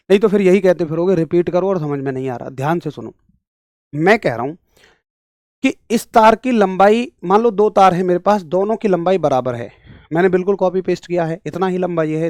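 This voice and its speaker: A man's voice: high voice, darkish tone, no room sound, studio quality. A young man teaching an online exam-prep physics class, talking straight to his students, repeating points and pressing them for answers. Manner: talks straight to students, scolding then explaining; emphatic, repeats points, asks for yes or no.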